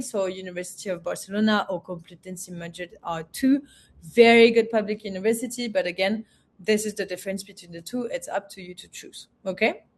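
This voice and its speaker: A woman from France, a university representative, giving a webinar presentation with many pauses, fillers and restarts. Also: mid-range voice.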